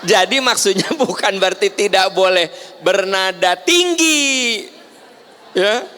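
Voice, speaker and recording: A man's voice: sits high, animated, takes it slowly, pushed and bright. A man with a Sundanese accent giving a religious lecture, acting out family scenes with playful humor. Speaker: preacher.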